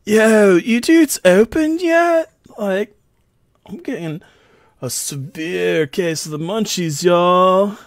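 A man's voice: high voice, animated, takes it slowly, no echo, clean studio sound, pitched above the performer's own voice, full character voice. A man voicing a laid-back, always hungry male cat-folk character who drawls in slacker slang. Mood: lazy greeting. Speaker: tabletop game character.

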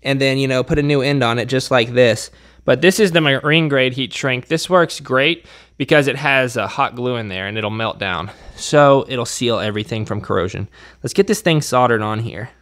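He speaks at normal speed with a medium-pitched, fairly bright tone. Hosting a repair tutorial in his workshop, he chats casually while his hands stay busy on the job.

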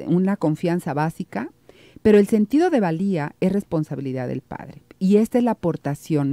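A Mexican radio host in middle age, low and mellow, reading messages and explaining calmly. Her voice sits close to the studio mic. The room sound is dry. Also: no room sound. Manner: calm explanatory, reads listener messages. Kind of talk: radio call-in talk.

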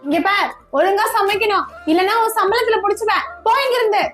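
A bossy mother, played by a woman, high-pitched and quick to scold her maid. She gives orders in a comedy skit with faint music under her. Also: fairly bright tone. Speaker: employer and mother.

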